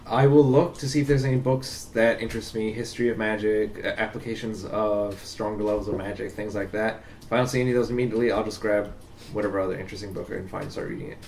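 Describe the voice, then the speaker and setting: A man playing a tabletop game with friends, talking casually with halting restarts. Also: lowish voice, fairly even intonation, darkish tone, slight background noise. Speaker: player.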